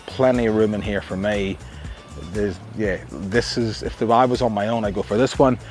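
A middle-aged man with an Australian accent talks through camping gear in a casual, excited way, trailing off and starting over. He is recorded on a lapel mic out in the open at a campsite. Faint music plays softly behind him. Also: lowish voice, moderate pace. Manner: enthusiastic, chatty, restarts often. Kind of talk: casual outdoor product review. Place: outdoor campsite among trees.

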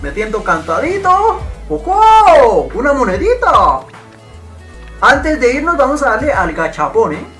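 A man giving excitable gameplay commentary as a gaming channel host, shouting and swearing at the game as he plays. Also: very high-pitched, unhurried, faint music behind. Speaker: gaming YouTuber.

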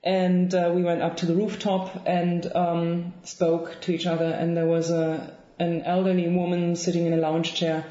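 In a home room full of bookshelves, a German-accented woman in her thirties from Germany reflects on her work as a guest author. Her lowish voice is completely flat and soft-spoken, broken by many pauses, ums and restarts. The recording sounds roomy, slightly dull and lo-fi.

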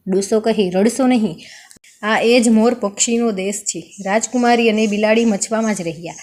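Lady reading an old folk story, soft mellow tone, acts out the lines. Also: medium pitch. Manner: expressive storytelling, voicing characters' lines. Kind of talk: reading a folk tale aloud.

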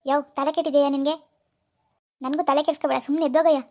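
Cartoon: woman doing a high-pitched, rapid-fire, impatient shopkeeper who scolds. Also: level tone, mellow. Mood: scolding. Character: irritable male pawnbroker, bossy and scornful. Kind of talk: animated cartoon dialogue.

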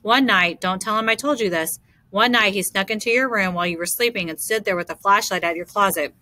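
A woman voicing a loving, gently teasing mother in an audiobook, speaking softly and reassuringly. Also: mid-range voice, fairly quick, lightly acted. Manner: soft, reassuring.

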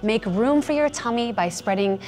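Guiding a yoga session with upbeat, encouraging cues, a woman in her thirties who works as a fitness trainer speaks in a large indoor gym studio. Her voice is fairly high, expressive and a little mellow, moving at normal speed.

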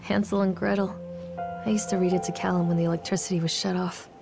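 A woman's voice: lowish voice, flat delivery, quick pace, gravelly. A woman delivering a wistful, brooding inner monologue as a game's protagonist. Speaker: game protagonist. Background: music.

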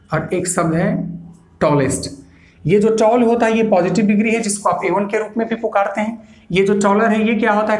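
A male English grammar teacher giving a classroom lecture, explaining step by step, repeating points and answering his own questions. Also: high voice. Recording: echoey room.

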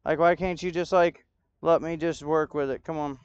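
A man's voice: a little high, steady tone, moderate pace, clear, resonant tone, dry recording, muffled recording. A man streaming live, chatting casually with viewers, frustrated and thinking aloud while he sorts out technical trouble. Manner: frustrated, talks to chat while fixing tech trouble. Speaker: livestreamer. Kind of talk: casual livestream chat.

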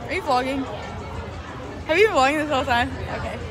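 A woman's voice: high-pitched, fast talker. A teenage girl chatting casually to her phone camera at a busy indoor competition venue. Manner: chatty, giggly, narrating to camera. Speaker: vlogger. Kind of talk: casual vlog chat. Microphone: phone held at arm's length. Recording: loud crowd and music behind.

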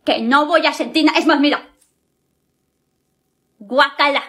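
A woman playing a blunt, sarcastic young woman. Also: high voice. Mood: mocking. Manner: sharp, mocking, quick retorts.

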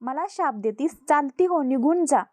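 A shrill, scornful queen, as a woman puts her on. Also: expressive, moderate pace, no room sound, clean studio sound. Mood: scornful, shouting. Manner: shouting, scornful. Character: haughty angry rich queen.

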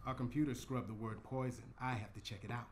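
An actor voicing a gruff male security officer who speaks bluntly and dismissively. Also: medium pitch, fairly even intonation, fast talker, slight background noise, lightly acted.

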